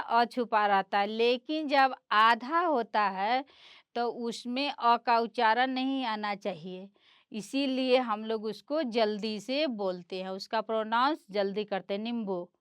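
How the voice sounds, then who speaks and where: धीमी, साफ़ आवाज़ में बच्चों को पढ़ाती शिक्षिका. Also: female voice, fairly high pitch, smooth, no echo, studio quality. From India. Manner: spells words out sound by sound, asks and answers own questions. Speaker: primary school Hindi teacher. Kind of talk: slow, patient classroom lesson to children.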